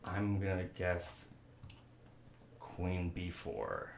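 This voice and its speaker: A man's voice: sits low, very slow, vocal fry. A young man in casual chat as a chess show co-host, joking and thinking aloud as he plays. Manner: joking, rambling, thinks aloud about moves. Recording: roomy room, faint noise.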